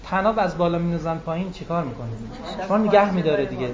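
A man preaching a religious lecture in an animated way, drawing out words for emphasis. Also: fairly high pitch, crowd noise. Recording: muffled lo-fi recording with faint room noise.

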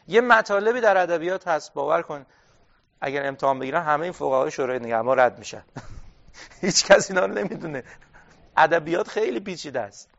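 A man with a fairly high voice giving a religious studies lecture on a dull, lo-fi recording. He reads Arabic text aloud, then rephrases it plainly. He asks his listeners questions and answers them himself. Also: a bit bright. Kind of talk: classroom lecture on Quranic exegesis.

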